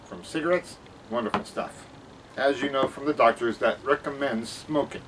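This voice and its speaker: A man's voice: mid-range voice, moderate pace, fairly bright tone, natural voice. A man playing a cheerful, careless science professor in a spoof 1950s kids' TV broadcast, explaining things in a folksy, rambling way. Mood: casual, careless. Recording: distant mic with room noise.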